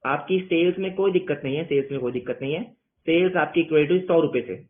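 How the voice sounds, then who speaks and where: Guy teaching accounting, bit high voice, jokey, asks and answers himself, thin phone-ish audio. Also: fast talker. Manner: playful, answers his own questions in students' voices. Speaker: commerce teacher. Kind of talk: online accounting lecture. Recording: tinny phone-like sound.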